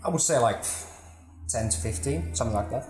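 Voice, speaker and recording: A Finnish man in his twenties with a Finnish accent, answering interview questions in a relaxed, hesitant way with many fillers. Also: medium pitch, a little fast, roomy sound, faint music behind. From northern Finland. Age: 20s. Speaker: drummer, interview guest.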